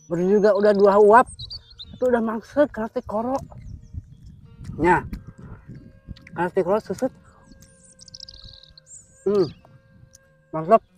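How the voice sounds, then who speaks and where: A woman's voice: mid-range voice, takes it slowly, long pauses, darkish tone, soft background music. A woman chats casually as an outdoor mukbang host, talking with her mouth full as she eats. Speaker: vlogger hosting an outdoor eating show. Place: outdoors on a windy hillside plantation. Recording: noisy outdoor recording with clicks. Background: wind and outdoor nature sounds.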